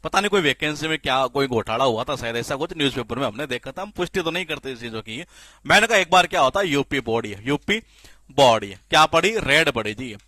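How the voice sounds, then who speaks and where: A man teaching spelling in a classroom-style lecture, lively and repetitive, often asking the class questions and answering them himself. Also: medium pitch, fast, no echo. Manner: lively, repeats questions to the class, frequent filler "ye".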